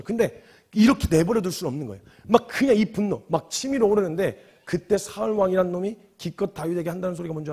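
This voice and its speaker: Guy preaching a sermon, rapid lively storytelling, raspy edge. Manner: animated storytelling, swings from loud outbursts to low asides. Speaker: missionary preacher.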